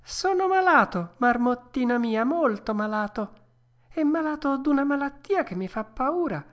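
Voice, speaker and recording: A woman's voice: sits high, lively intonation, a little slow, pitched above the performer's own voice. A woman voicing a young wooden puppet boy who whines and pleads, frightened and impulsive. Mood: distressed. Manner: whiny, pleading, loud.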